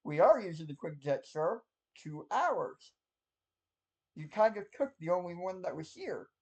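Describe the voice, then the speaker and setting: A man's voice: high-pitched, very animated, a little slow, exaggerated voice. A man doing a stammering military radio dispatcher. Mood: flustered. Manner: hesitant, stammering with many "uh"s and "sir"s.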